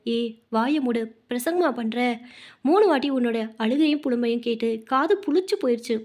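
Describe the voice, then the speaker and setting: A short-tempered young husband speaks curtly and harshly, voiced by a woman storyteller. The voice stays high. It is a spoken storybook. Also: expressive, normal speed, darkish tone. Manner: curt, harsh.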